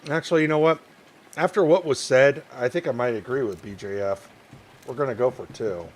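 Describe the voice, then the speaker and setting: A young man streaming a point-and-click game, chatting with his viewers in a tired, low-key, rambling way and reading game dialogue aloud in his own voice. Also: brisk, slight background noise.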